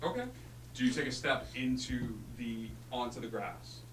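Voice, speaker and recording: A man working as game master, narrating a tabletop fantasy game theatrically with dramatic pauses. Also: medium pitch, a bit bright. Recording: echoey room, distant mic, humming noise.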